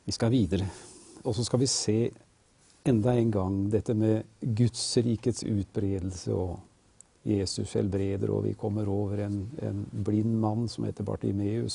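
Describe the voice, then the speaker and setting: A man's voice: lowish voice, level tone, creaky, warm tone, husky, no room sound. A male host leading a Bible discussion, reflective and leading the conversation.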